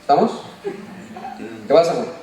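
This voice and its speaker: A man preaching as a pastor, animated, often asking the congregation questions and joking. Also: on the high side, normal speed. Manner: playful, jokes and mimics voices. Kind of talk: sermon. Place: church sanctuary. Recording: echoey church from far off.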